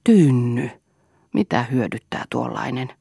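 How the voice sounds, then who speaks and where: A woman's voice: very deep voice, animated, vocal fry, warm tone, breathy edge, no echo, clean studio sound, heavily acted. Woman reading a firm, earnest wife. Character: firm, cool-headed adult wife. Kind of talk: audiobook character reading.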